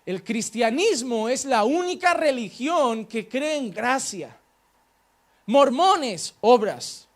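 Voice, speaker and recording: A man's voice: very high voice, animated, slow. A pastor. He is emphatic and hammers single words again and again, slipping into the voices of the people he quotes. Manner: emphatic, repeats key words for effect, acts out quoted voices. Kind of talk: sermon.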